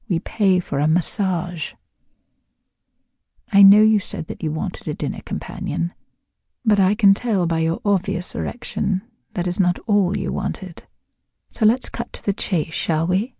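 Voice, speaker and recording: Woman, sultry close-mic narrator: dark, breathy, very slow, half-whispered. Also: on the low side, no echo. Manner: slow, hushed, seductive delivery with whispered phrases. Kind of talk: scripted intimate second-person audio narration.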